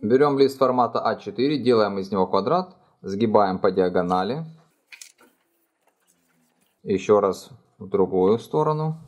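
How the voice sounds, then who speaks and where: A middle-aged man calmly explaining each fold in a step-by-step origami tutorial, recorded indoors at a table. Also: lowish voice, unhurried, pauses often. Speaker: origami instructor. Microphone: overhead camera framing hands only.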